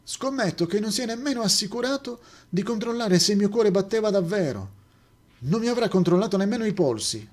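A man's voice: lively intonation, brisk, darkish tone. A man putting on a bitter young woman. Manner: high-pitched and emphatic. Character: young woman, bitter, feels unloved by father. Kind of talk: storybook voice acting.

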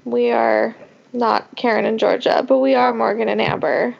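A woman's voice: fairly high pitch, steady tone, normal speed, creaky, highs cut off. A woman co-hosting a podcast in casual, upbeat chat. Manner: chatty and upbeat. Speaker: podcast co-host.

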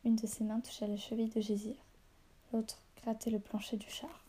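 Woman, reading a novel aloud, half-whispered, very dark mellow tone, flat and even. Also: on the high side, moderate pace, slight background noise. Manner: soft, half-whispered reading with small slips.

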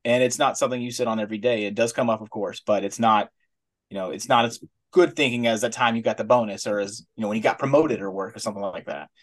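A man's voice: lowish voice, steady tone, quick pace. A man co-hosting a podcast in casual chat, rambling and full of "like" and "you know". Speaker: podcast co-host.

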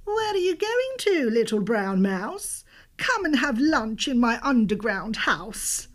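Sly storybook fox played by a woman, coaxing, exaggerated, very high, animated. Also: slow.

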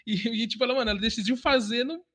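A Brazilian man in a casual group discussion, speaking haltingly and repeating words as he builds his point. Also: extremely high pitch, a crowd in the background.

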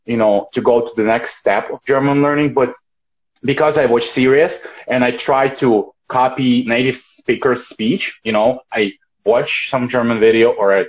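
Speaking at a normal speed in a mid-range voice with fairly even intonation, a Russian-native man is the guest in a casual interview. He answers in English fluently and thoughtfully, restarting a few times, captured with a dull lo-fi sound.

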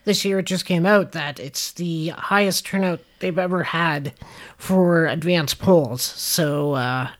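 A man's voice: on the high side, slow. Man, podcast co-host, casual chat, loose and jokey, plenty of fillers. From Canada. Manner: relaxed, joking, hedging fillers.

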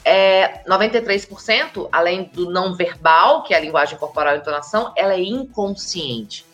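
A woman, giving a lively, emphatic talk on communication and speaking straight to her audience. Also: lowish voice, moderate pace, muffled recording, soft background music. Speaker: communication and body language trainer. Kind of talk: expressive presentation lecture. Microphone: camera with slides, hands in frame.

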